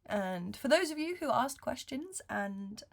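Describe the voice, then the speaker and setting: Female spiritual mentor for an intimate video chat: hoarse smoker's rasp, gravelly fry, gentle and hesitant. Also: fairly high pitch, very animated, measured pace. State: recovering from illness, hoarse. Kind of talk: intimate, reflective chat to viewers.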